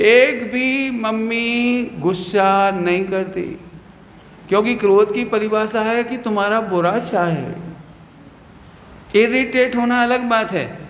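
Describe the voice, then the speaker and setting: Man, religious teacher, high voice; playful class talk with questions and mock scolding; echoey hall with a faint hum. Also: slow pace, a bit bright. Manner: acts out scolding mothers and teachers. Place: hall with children. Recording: echoey hall with long reverb.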